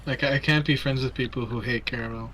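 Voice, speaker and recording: A man's voice: mid-range voice, fairly even intonation, fairly quick, a bit bright, slight background noise. A young man from Canada chatting casually while playing a game, joking, swearing freely and laughing at his own stories. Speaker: streamer. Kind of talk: casual gaming chat.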